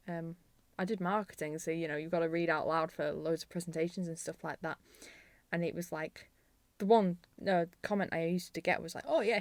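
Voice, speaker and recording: A woman's voice: lowish voice, no room sound. Brief: young Yorkshire woman, twenties, slight lisp, rambling giggly vlog chat, dry close sound. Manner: giggly, laughs often between thoughts. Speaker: channel host. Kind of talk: casual rambling chat to camera.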